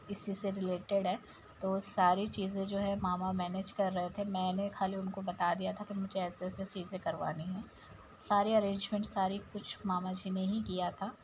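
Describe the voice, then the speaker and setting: Chatty Indian woman vlogger, even tone. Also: mid-range voice, a little hiss or hum, rough recording. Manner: chatty, explains step by step to viewers. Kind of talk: casual vlog voice-over.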